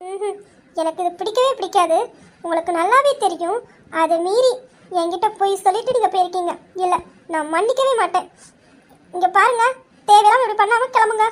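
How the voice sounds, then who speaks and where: A woman playing a very high, quick stubborn young wife. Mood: indignant. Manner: scolding, indignant, quick retorts. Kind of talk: comic couple skit acting.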